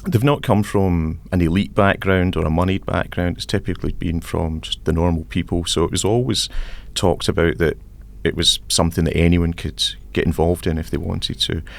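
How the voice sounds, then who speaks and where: A man in his forties with a Scottish accent, answering interview questions about his engineering career in a measured, reflective way. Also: low voice, steady tone, gravelly. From Scotland. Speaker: civil engineer guest. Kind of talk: podcast interview.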